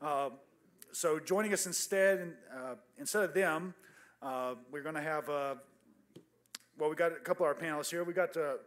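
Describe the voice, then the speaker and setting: Guy emceeing a conference panel, kinda high voice, lots of uh fillers, laughs it off. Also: a bit bright. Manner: halting, many fillers, chuckling asides. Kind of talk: introducing a panel. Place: conference hall stage.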